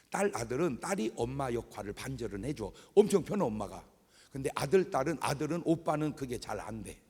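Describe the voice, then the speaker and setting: A middle-aged man preaching a revival sermon as pastor, joking and acting out scenes in an animated way, in a large church sanctuary with an echoey hall. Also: mid-range voice, creaky, slightly rough. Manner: animated, joking, acts out wailing mourners. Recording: echoey hall with long reverb.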